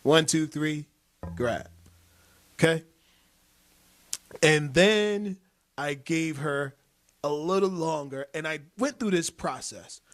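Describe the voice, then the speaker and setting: A man's voice: a little high, expressive, slow pace, long pauses, fairly bright tone. A man hosting a motivational talk show, telling a personal story with emphatic repetition and frequent laughs. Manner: emphatic, repeats key phrases, laughs often. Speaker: host, motivational speaker. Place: TV studio set.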